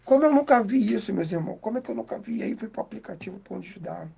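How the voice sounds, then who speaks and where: Gravelly-voiced Brazilian man telling a testimony. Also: high-pitched, expressive, dark tone. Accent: Brazilian Portuguese. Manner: heartfelt, halting storytelling. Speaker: guest giving testimony. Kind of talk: emotional faith testimony.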